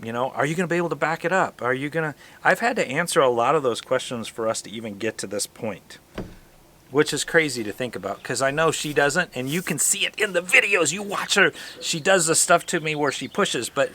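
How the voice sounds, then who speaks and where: Bright-voiced man in casual vlog chat. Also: fairly high pitch, a little fast. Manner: explanatory, talks in rhetorical questions. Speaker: RV travel vlog host.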